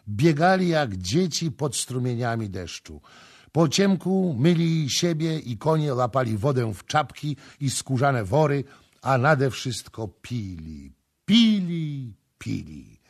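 A man narrates a classic novel in a husky voice at a middle pitch. His reading is expressive and dramatic, rising and falling with the storm and battle scenes. The delivery is that of a practiced audiobook reader.

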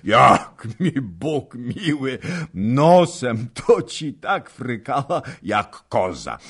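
A sly, boastful old nobleman, as a man reads him, drawling and chuckling. His voice is deep, husky, and lively in pitch. Storybook reading. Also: heavily acted.

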